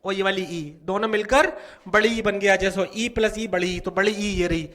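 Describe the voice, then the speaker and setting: Male grammar teacher, North Indian Hindi accent, high, bright voice, slow and repetitive delivery. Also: fairly even intonation. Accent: Hindi-speaking North Indian. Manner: slow, repetitive explaining with frequent "ठीक है". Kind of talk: whiteboard grammar lesson.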